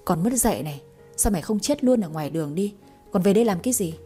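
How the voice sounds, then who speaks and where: A woman voicing a cruel, abusive father in an audio story, speaking harshly and insultingly in a lowered voice. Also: expressive, fast, warm tone, soft background music, lightly acted. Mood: harsh scolding.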